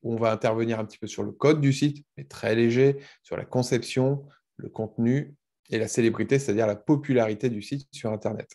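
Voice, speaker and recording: A man's voice: mid-range voice, fairly even intonation, fairly quick, mellow. A man presenting a webinar as a consultant, explaining the basics simply for beginners over a video call.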